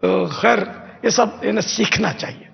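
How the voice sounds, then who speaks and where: An older man, a religious scholar from Pakistan, gives an emphatic teaching talk to a gathering and repeats phrases slowly as pronunciation drills. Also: sits high, gravelly, breathy edge. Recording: echoey hall, dull lo-fi sound.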